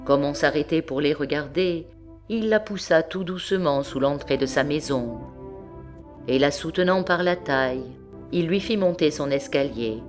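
A woman reading a classic French short story aloud in a calm, measured way. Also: low voice, soft background music. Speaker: audiobook reader. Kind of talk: literary audiobook narration.

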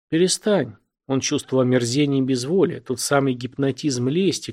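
Husky man reading a novel aloud. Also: medium pitch. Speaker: audiobook narrator. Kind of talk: literary narration.

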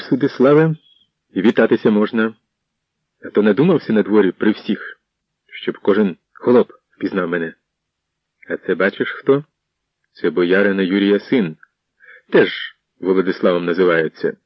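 A man reading an imperious, hoarse, scornful boyar in an audiobook. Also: fairly low pitch, moderate pace, long pauses, no echo, natural voice. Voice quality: hoarse, domineering. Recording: dull muffled audio.

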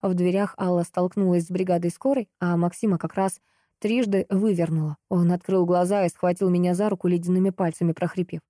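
Mellow-voiced woman reading a novel. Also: on the low side, fairly even intonation, brisk, dry recording, clean studio sound. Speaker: audiobook narrator. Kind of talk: first-person novel reading.

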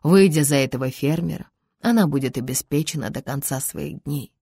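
Narrator voicing a calm, wise mother. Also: medium pitch, creaky, slightly rough, no echo, clean studio sound. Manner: calm, gentle, measured.

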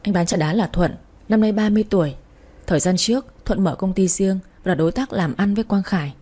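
A woman narrating a story in an even, steady read-aloud manner. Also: mid-range voice, fast talker, husky.

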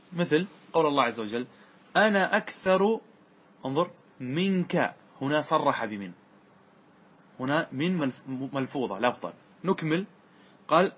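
Male grammar teacher, a bit high and husky, classroom question-and-answer style, slow verse recitation. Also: a bit bright.

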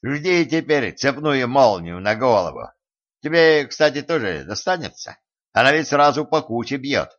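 A man's voice: medium pitch, animated, normal speed, fairly bright tone, voice pushed up, natural voice. A man voicing an irritable male magister who grumbles in exasperation. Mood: grumpy. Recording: muffled lo-fi recording.

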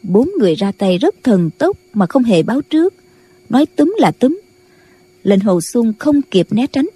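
A woman narrating a martial-arts audiobook in a measured storytelling manner. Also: on the high side, very animated, mellow, breathy edge. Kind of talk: scripted narration.

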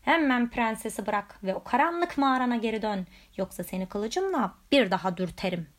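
A woman voicing a tiny, boastful male frog knight who blusters and shouts threats in a storybook. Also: on the high side, animated, moderate pace, close to an everyday voice. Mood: blustering.

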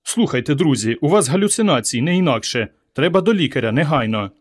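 A man voicing a calm, earnest young woman from the future in a storybook reading, bewildered by old words. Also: on the high side, fast, breathy edge. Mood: earnest, puzzled.

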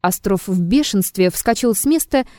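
A woman narrating a classic story in a measured literary reading. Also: mid-range voice, animated, darkish tone, no echo, studio quality. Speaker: audiobook reader. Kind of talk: scripted narration.

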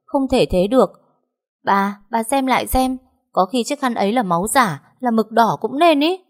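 A scheming young servant girl, as a woman narrator plays her begs in a high, tearful voice. She pleads loudly and desperately. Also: lively intonation, normal speed, lightly acted. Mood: protesting. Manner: wailing, begging.

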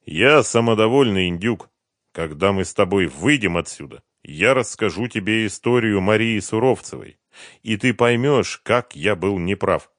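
A man's voice: fairly low pitch, lively intonation, normal speed, a bit bright, dry recording, studio quality. A man voicing a driven male agent who barks clipped, urgent orders. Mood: bitter.

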